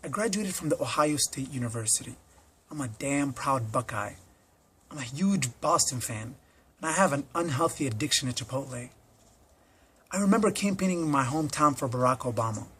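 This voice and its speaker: A man's voice: medium pitch, expressive, brisk, a bit bright, slight background noise. An American man in his twenties, a detainee recording a personal statement in an earnest, impassioned way and pressing rhetorical questions. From United States. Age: 20s. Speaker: detainee making an appeal.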